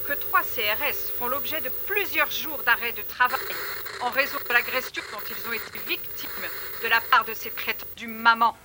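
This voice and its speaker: A woman's voice: a little high, moderate pace, noisy background, natural voice. An actress playing a stern, unbending government spokeswoman making formal statements in pompous officialese for a radio play. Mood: stern, defensive.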